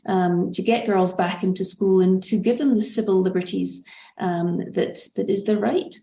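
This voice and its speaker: Creaky woman spokesperson in an echoey room. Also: mid-range voice, moderate pace, dark tone. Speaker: aid agency spokesperson. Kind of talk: unscripted news interview. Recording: muffled, noisy, echoey room.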